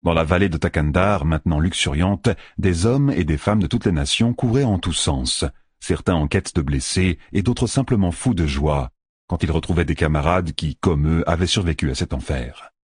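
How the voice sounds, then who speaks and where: A man narrating an audiobook in an expressive storytelling manner. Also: low-pitched, normal speed, slightly rough, dry recording, clean studio sound. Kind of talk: scripted narration.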